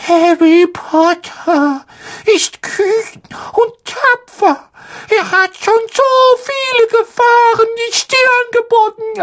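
A woman voicing a tiny, devoted male house-elf, squeaky, hoarse, slow and tearful. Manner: squeaky, slow and pleading, on the verge of tears.

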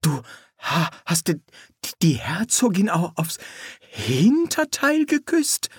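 A man's voice: high-pitched, huge pitch swings, slow pace, breathy edge, no room sound, pitched above the performer's own voice, full character voice. Brief: a man playing a shy stuttering recruit, close dry voice. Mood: shocked. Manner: stammering. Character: timid stammering young male recruit.

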